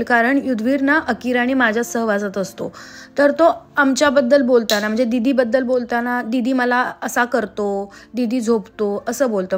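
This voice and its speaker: A woman in her thirties, a homemaker vlogging casually at home, chatty with frequent pauses and fillers. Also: a little high. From Maharashtra, India. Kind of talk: casual vlog chat and voice-over.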